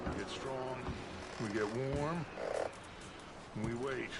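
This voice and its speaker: An actor playing a persuasive middle-aged outlaw gang leader in a video game, speaking in a measured, reassuring, rhetorical way. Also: male voice, mid-range voice, heavy background noise. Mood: assured, persuasive. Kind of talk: video game dramatic acting.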